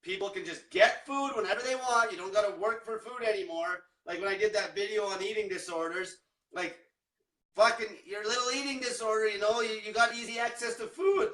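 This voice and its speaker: Casting: young male diet coach, blunt profane ranter, high voice, echoey room, distant mic. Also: a little fast, sharp tone. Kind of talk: livestream rant.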